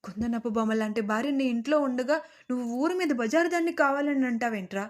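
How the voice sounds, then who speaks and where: A woman's voice: on the high side, fast talker, close to an everyday voice. A woman voicing a middle-aged mother-in-law who pleads through tears. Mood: tearful. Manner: pleading, tearful.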